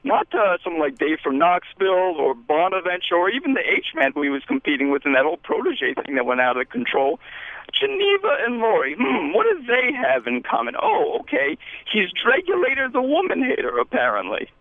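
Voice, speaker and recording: A man voicing an excitable, defensive male puppet who calls in over the phone and rambles, quick to get riled up. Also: high-pitched, no room sound, exaggerated voice. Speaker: caller. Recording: tinny phone line.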